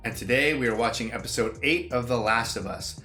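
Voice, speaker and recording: A man's voice: mid-range voice, fairly quick, bright, forceful tone, faint music behind. Sick, congested man hosting a reaction. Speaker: reaction channel host. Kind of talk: casual reaction chat.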